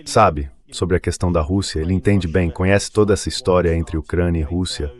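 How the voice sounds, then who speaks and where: A synthetic text-to-speech male voice serves as an AI dub translating a political interview, delivered in a conversational style. The voice is deep, steady in tone and brisk.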